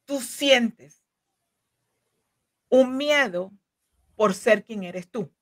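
A slightly high female voice with lively intonation and drawn-out words, recorded with no echo. The speaker, a Spanish-native immigration legal counsel in her forties, is an interview guest who explains earnestly but with many fillers and restarts, calling in by video from a home office on a desk microphone.

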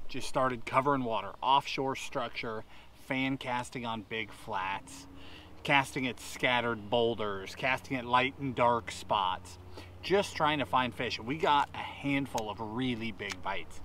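A man in his thirties hosting a fishing video, explaining the day's plan from a bass boat outdoors. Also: a bit bright, slight background noise. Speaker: fishing show host. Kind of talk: casual on-camera recap.

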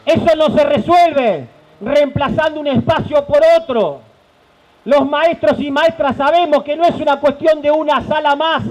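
A little hiss or hum runs through this low-quality recording of a very high-voiced Argentine union leader in his forties. Speaking Argentine Spanish into a handheld mic on a tented outdoor stage at a rally, he gives an impassioned protest speech, gesturing and shouting at times.

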